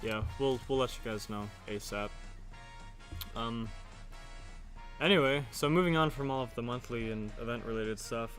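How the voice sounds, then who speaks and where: A man's voice: mid-range voice, fairly bright tone. A young man co-hosting a casual chat about a gaming event, often laughing and padding his talk with fillers. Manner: laughs often, talks in quick bursts with fillers. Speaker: podcast co-host.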